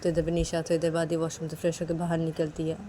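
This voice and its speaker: A woman's voice: sits low, monotone, fast, warm tone, slight background noise. A woman narrating a domestic story in a plain, repetitive, casual way.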